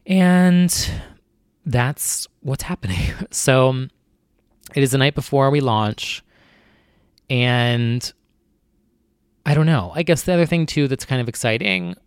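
A nervous young man talks alone into the mic, rambling and candid, with plenty of fillers. His voice has a gravelly, creaky edge and sits in a middle pitch. The sound is dry and close, with no room around it. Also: unhurried, long pauses, no echo. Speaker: podcast host. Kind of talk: casual solo talk.

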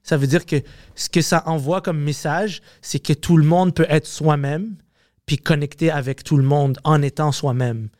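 A man with a Québécois French accent, a comedian talking as a podcast guest, animated, swearing often and slipping into English. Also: a little high, normal speed, no room sound, studio quality. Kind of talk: casual podcast conversation.

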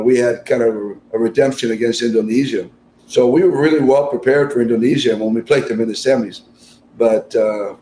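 A man's voice: medium pitch, warm tone, reverberant, slight background noise, rough recording. A man, a national basketball team coach, talking through interview answers in a conversational way with frequent fillers and restarts.

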